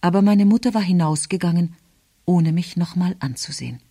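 A woman narrating a novel in calm, even storytelling. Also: on the low side, fairly quick, husky, no room sound. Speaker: audiobook narrator. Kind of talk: scripted narration.

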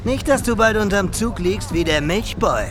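A crude, threatening young gang boss in a radio crime play. He swears constantly and speaks in a high voice. Music plays beneath the scene. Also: animated, moderate pace. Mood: menacing. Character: brutal young neo-Nazi gang leader, threatening.

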